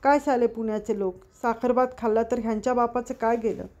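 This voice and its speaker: A woman's voice: on the high side, fairly even intonation, a little fast, mellow, natural voice. Woman doing a scoffing, grumbling traveller man. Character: grumpy middle-aged man who curses constantly.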